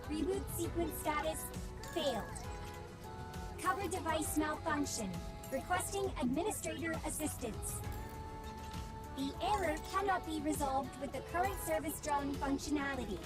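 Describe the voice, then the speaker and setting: A woman voicing a small service drone in a video game, giving clipped, formal status reports in a machine-like way. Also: high-pitched. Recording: game audio with loud music. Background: game music.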